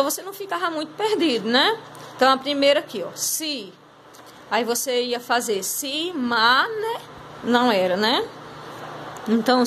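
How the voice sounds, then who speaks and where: Woman teacher, high voice, patient, step-by-step explaining, slight background noise. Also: low-quality recording. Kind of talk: recorded class lesson correcting exercises.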